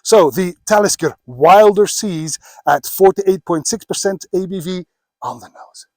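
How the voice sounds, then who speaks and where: A slightly breathless man in his fifties from Belgium, giving a chatty whisky tasting outdoors on a mountain. His voice sits a touch high for a man, and it is recorded close and dry with no room sound around it. He often pauses with "uh" as he talks. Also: lively intonation, dry recording. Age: 50s. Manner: chatty, many filler "uh"s. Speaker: whisky blogger.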